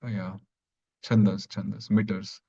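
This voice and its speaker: A man teaching an online grammar class, explaining patiently step by step and clearing his throat now and then. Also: lowish voice, flat delivery, unhurried, dark tone, dull audio.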